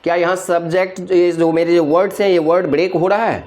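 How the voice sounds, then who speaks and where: A man's voice: high-pitched, steady tone, brisk, darkish tone, faint music behind. A male teacher giving a classroom grammar lecture, constantly quizzing his students with call-and-response questions.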